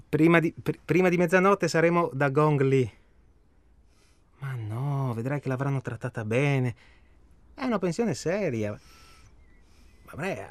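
A man acting in a naturalistic radio drama portrays a jittery, gabby husband in middle age who rambles hesitantly, repeats himself and fishes for agreement. His medium-pitched voice sounds natural, and the mood is tender and reassuring.

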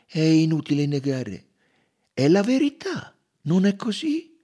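A man's voice: sits high, sing-song, a little slow, darkish tone, voice pushed up, exaggerated voice. A man voicing a shrewd middle-aged detective who presses his questions with pointed insistence. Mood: probing.

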